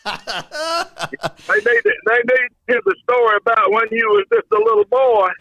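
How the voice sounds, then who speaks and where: A man's voice: very high-pitched, animated, a little slow, bright, forceful tone, dry recording. A man calling in on a phone on speaker, telling a folksy, teasing story in casual chat. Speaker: caller. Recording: muffled phone-line call.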